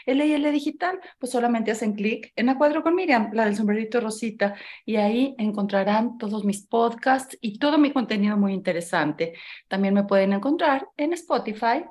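Woman, Mexican accent, fairly high voice, program host, conversational interviewing. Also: a little mellow. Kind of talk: conversational show presenting and interviewing.

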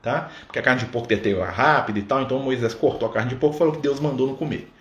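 A man leads a livestreamed spiritist study in a chatty way, repeatedly checking in with his audience. His medium-pitched voice races along, and the recording sounds muffled, with room echo and faint background noise.

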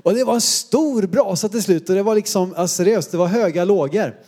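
A warm, high male voice belongs to a Swedish preacher in his thirties. His sermon weaves in personal anecdotes as he spins amusing, self-deprecating tales from when he was a boy.

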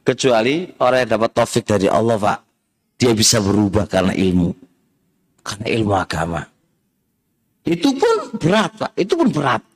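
A man's voice: on the low side, very animated, normal speed, pauses often. A middle-aged man with an East Javanese accent giving a religious study lecture, mixing in Javanese phrases and addressing listeners directly. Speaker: Islamic religious teacher.

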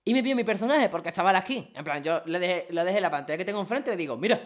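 Young man, high-pitched, chatty streamer host, rambling, casual talk. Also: lively intonation, racing. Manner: chatty, rambling with fillers and repeated words. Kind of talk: casual chat.

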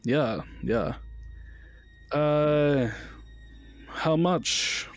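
A man's voice: on the high side, extremely slow, no room sound, soft background music, pitched above the performer's own voice. A man voicing a tall, burly Dutch blacksmith in a tabletop game, trying a Dutch accent and speaking broken English. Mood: gruff. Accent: attempted Dutch accent.

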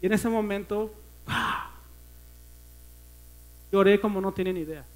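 A man with a Mexican accent preaching a personal testimony at a church service, earnest and emotional, often dropping to a hush. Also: high-pitched, fast talker, rough recording. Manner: earnest, emotional storytelling that often sinks to a hushed voice.

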